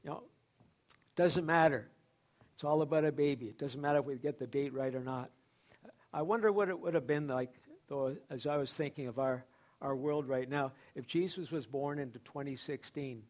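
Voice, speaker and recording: A male pastor preaching a sermon, emphatic, repeating phrases and swinging between loud declarations and quiet asides. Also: medium pitch, normal speed.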